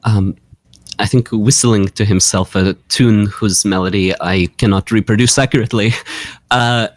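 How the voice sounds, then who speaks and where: A man's voice: fairly low pitch, fairly even intonation, normal speed, no echo. A man narrating his character in a tabletop game, hesitant and full of fillers. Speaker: player. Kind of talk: tabletop role-play narration.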